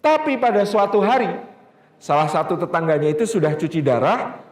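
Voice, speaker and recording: Brief: preacher, high voice, lively storytelling, roomy echo. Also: male voice. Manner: lively, acting out dialogue, drawn-out emphasis. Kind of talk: storytelling sermon.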